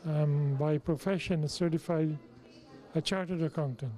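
A middle-aged man from Guyana, a temple president answering interview questions in a measured, explanatory way. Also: fairly high pitch, fairly even intonation, mellow.

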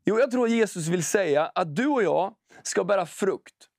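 Male preacher, casual storytelling sermon; high voice with a gravelly edge, close and dry. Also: expressive, darkish tone, no echo. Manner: conversational, storytelling, slow and emphatic when reading scripture. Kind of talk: sermon with prayer and personal story.

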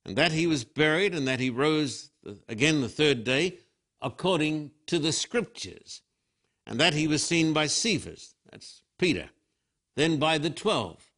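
An older man preaching a sermon as pastor, telling the story with animated storytelling and acted-out quotes. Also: a little high, a little slow.

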